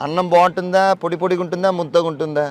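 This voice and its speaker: A man, a politician touring a village outdoors, talking casually with villagers and children in a brisk, commanding, playful way. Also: sits high, steady tone.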